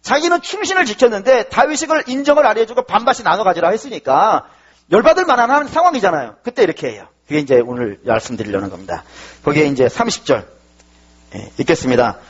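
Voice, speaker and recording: A man preaches a sermon with a high, husky voice, retelling scripture as a story. He acts out the dialogue and keeps asking questions of his listeners, and his pitch leaps up and down. The recording sounds dull and lo-fi. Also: sing-song, fast. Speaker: pastor.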